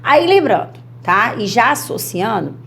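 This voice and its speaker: A woman with a Brazilian Portuguese accent teaching an exam-prep grammar lesson, chatty and animated, acting out students' worries. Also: on the high side, unhurried, creaky.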